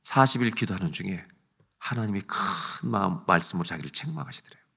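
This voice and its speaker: Male pastor, revival sermon, very lively pitch, alternates hushed asides with loud emphatic preaching, questions the congregation. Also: fairly quick, gravelly, breathy edge. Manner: asks the congregation questions and answers them himself. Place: church sanctuary.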